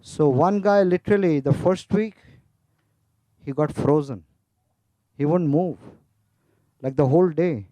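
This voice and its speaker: A man with a somewhat high, warm, mellow voice gives a relaxed spiritual talk at a festival. He tells funny stories and drops in Sanskrit words, checking in with "right?" and "you know". The sound is dry and close. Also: measured pace, long pauses, no echo. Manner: humorous storytelling with Sanskrit terms. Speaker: spiritual teacher.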